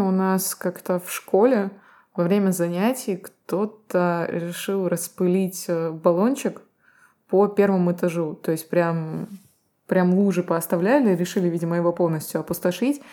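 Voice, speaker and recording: Female podcast co-host, low mellow voice, calm and reflective. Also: a little slow. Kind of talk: podcast conversation.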